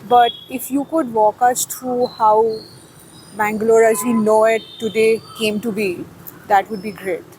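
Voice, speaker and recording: A woman's voice: a little high, fairly even intonation, measured pace, a little mellow, slight background noise, rough recording. A woman hosting an interview, asking questions in an upbeat way. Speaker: interviewer host.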